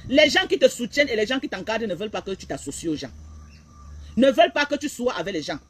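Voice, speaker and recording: A woman's voice: fairly high pitch, lively intonation, fast, fairly bright tone, poor audio. A woman blogger, delivering a heated, repetitive, confrontational rant on a live stream.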